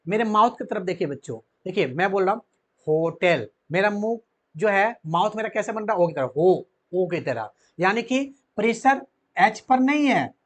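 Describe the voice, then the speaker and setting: A man teaching a grammar lesson to children, asking them questions and answering them himself. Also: sits high.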